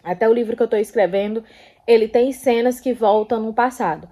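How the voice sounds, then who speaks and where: A young woman chatting casually about a book she read, animated and acting out characters' lines with scoffing asides. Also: on the high side, fairly quick. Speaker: book vlogger. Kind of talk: casual book review chat.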